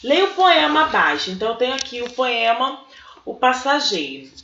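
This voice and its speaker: A woman teacher, slowly working through textbook exercises and breaking words into syllables. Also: a little high, very animated, sharp tone, slight background noise. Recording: dull, echoey room recording.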